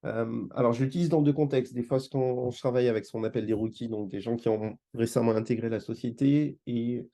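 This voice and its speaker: At a conference, a guest speaker from Martinique, France, who is an engagement manager, explains things hesitantly and repeats words in an informal presentation. His mid-range voice is warm and steady, and he talks a little fast with hardly any pauses.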